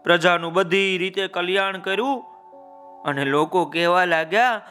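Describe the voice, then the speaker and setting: A man's voice: high-pitched, moderate pace, sharp tone, clear, resonant tone, soft background music. A man narrating a children's story, calling out to his listeners with folksy asides.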